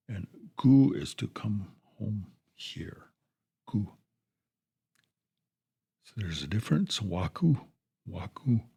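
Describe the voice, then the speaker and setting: A man teaching a language lesson on the radio, repeating each phrase twice in a slow, patient drill, with a dry folksy humor. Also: on the low side, creaky, warm tone, slightly rough.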